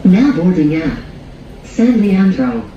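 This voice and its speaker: A woman's recorded voice making station announcements over a train intercom, in a measured, evenly spaced manner. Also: fairly low pitch, big pitch swings, highs cut off. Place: inside a moving train car. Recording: echoey loudspeaker heard from a distance with train noise.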